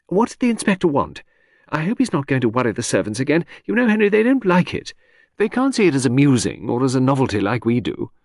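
A man's voice: medium pitch, wildly swooping pitch, fast, a little mellow, no echo, clean studio sound, voice pushed up. A man voicing a flighty older aristocratic lady who chatters and rambles breezily. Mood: breezy.

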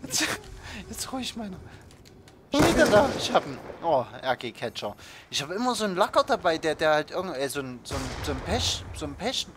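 A young man hosting his own gaming video, giving excited play-by-play of a shooter match and yelping at every hit. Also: on the high side, fairly quick, few pauses. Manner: yelps and groans at the game, shouting in bursts. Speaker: gaming channel host. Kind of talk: excited Call of Duty commentary. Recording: loud background game noise.

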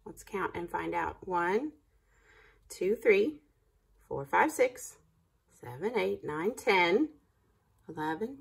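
Slow, husky-voiced woman reading a picture book. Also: a little high. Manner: patient, pausing to count along. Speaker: teacher reading aloud.

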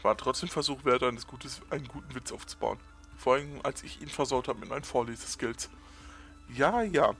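A man's voice: mid-range voice, normal speed, a bit bright, soft background music. A man giving casual let's play commentary, muttering and cursing at the game. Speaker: let's player.

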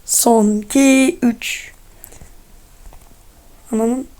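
A woman's voice: fairly high pitch, fairly even intonation, drawn-out words, mellow. A young woman commenting casually as she plays a game, exasperated, muttering and swearing at it. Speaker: gaming streamer.

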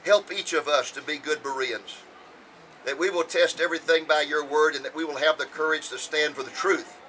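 A man's voice: on the high side, fairly even intonation, brisk, bright, forceful tone, slight background noise. Emphatic man preaching from far off. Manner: earnest, emphatic oratory. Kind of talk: sermon reading. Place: outdoors on a hilltop.

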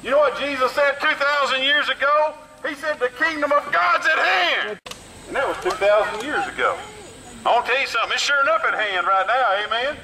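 Fiery street preacher, megaphone. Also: male voice, very high-pitched, lively intonation, fairly quick, poor audio. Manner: fiery call-and-response preaching. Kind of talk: outdoor sermon through a megaphone. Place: outdoors on a parking lot with children. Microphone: handheld megaphone.

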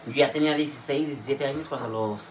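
A man's voice: mid-range voice, fast talker, a little hiss or hum. A man, a friend of the host, chatting casually on the stream and chiming in with brief replies and asides. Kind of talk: casual chat.

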